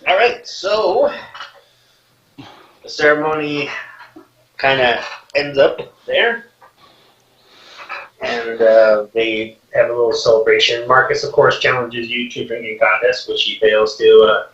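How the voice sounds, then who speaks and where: A man's voice: medium pitch, fairly even intonation, measured pace, pauses often, a bit bright. A man narrating as game master in a tabletop game, casual and laughing often, jumping into character voices. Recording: lo-fi echoey mic from a distance.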